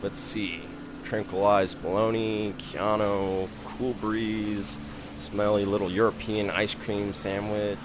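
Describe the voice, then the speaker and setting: Low-voiced guy acting all exasperated in a goofy audio drama, faint noise. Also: flat delivery, slow. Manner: indignant and exasperated. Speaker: actor in a comedy audio drama. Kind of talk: amateur comedy audio drama.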